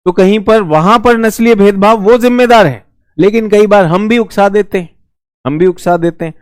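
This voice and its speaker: A man teaches an exam-prep lesson, joking and playful, with a clear, smooth, slightly high voice. He now and then acts out short mock voices. The sound is close and dry. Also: moderate pace, no echo.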